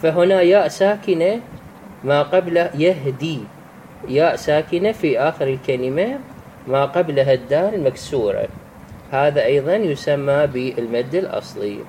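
A man teaching Quran recitation rules, patient, repeating words and examples with halting restarts. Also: fairly high pitch, expressive, a little mellow, slight background noise, rough recording. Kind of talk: explaining tajweed rules.

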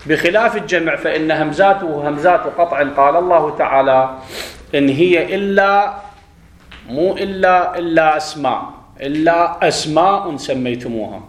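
A man with a slightly high voice runs a classroom grammar lesson, and the room adds a roomy echo. He contrasts right and wrong forms to drill pronunciation and fires off quick questions to check comprehension.

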